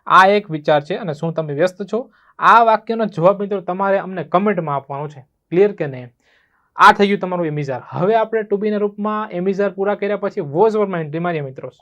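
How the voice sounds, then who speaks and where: A male teacher with a Gujarati accent and a high voice explains English grammar step by step. He keeps asking his students whether it is clear, and the recording sounds slightly dull and lo-fi. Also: fairly quick, a bit bright. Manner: asks students rhetorical check questions. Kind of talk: spoken English lesson in Gujarati.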